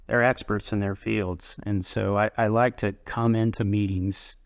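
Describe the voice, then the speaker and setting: A middle-aged man from Colorado, a university president, talking through an interview in a thoughtful, halting way with many restarts. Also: fairly low pitch, fairly even intonation, creaky, no room sound, studio quality. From Colorado, USA. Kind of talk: casual interview conversation.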